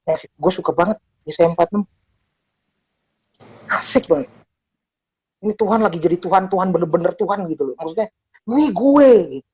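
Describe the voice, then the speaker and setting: A preacher giving a casual youth sermon, switching between slang and English phrases and stressing words with sudden jumps in pitch. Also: expressive, fairly quick, pauses often, a little mellow, slightly rough. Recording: dull lo-fi recording.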